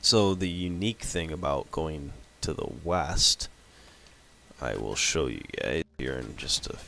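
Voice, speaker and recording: A man with a sick voice giving relaxed, casual commentary over his own gameplay, thinking aloud as he plays. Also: a bass voice, measured pace, gravelly. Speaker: gameplay video host.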